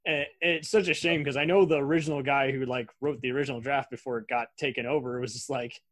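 Relaxed chatty man, dry close sound. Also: mid-range voice, fast talker, no room sound. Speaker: podcast host. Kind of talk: casual chat.

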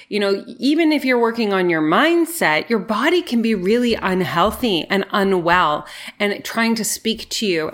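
A woman with a medium-pitched voice talks as a podcast host. Her delivery is effusive and informal, with emphatic phrasing in a conversational, storytelling monologue. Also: fairly bright tone.

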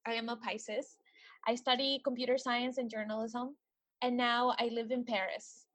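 Higher-voiced woman co-hosting a podcast. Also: little pitch movement, moderate pace, a bit bright. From Peru, raised in Miami. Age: late 20s. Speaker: podcast co-host. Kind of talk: scripted podcast introduction.

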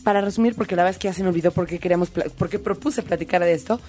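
A woman's voice: on the low side, very fast, warm tone, soft background music. A woman hosting a casual chat, asking playful questions. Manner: chatty, playful, asks questions. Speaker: host.

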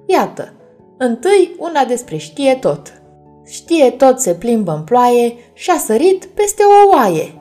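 A woman's voice: high-pitched, big pitch swings, warm tone, faint music behind, voice pushed up. A woman voicing a clumsy, boastful boy poet who is proud and stubborn, in a storybook reading. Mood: proud, eager. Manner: eager, proud, innocently stubborn.

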